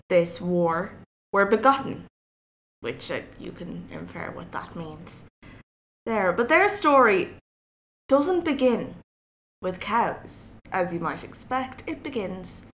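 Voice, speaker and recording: A woman's voice: mid-range voice, fairly bright tone, reverberant, a little hiss or hum. A woman with an Irish accent telling a folk tale aloud, with playful asides to her listeners. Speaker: storyteller. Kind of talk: oral storytelling of a folk tale.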